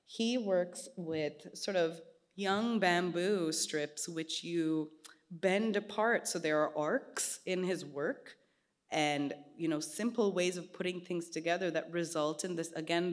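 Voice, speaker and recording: This artist guest is a woman in her thirties with a somewhat low voice, talking casually on stage into a stand mic at a small indoor gallery. She gestures freely and brings her anecdotes to life, briefly imitating anyone she quotes.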